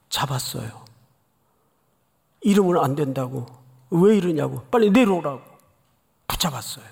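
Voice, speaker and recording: A man preaching an expository sermon as pastor, dramatic, swinging between loud cries and hushed asides. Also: on the high side, gravelly, breathy edge. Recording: long hall reverb.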